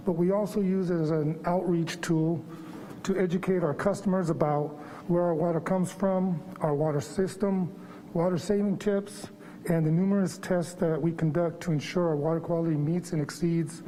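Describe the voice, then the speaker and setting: Through a face mask that slightly muffles him, a water quality manager presents formally to a public board meeting. His warm voice is on the high side, and a little hiss or hum can be heard.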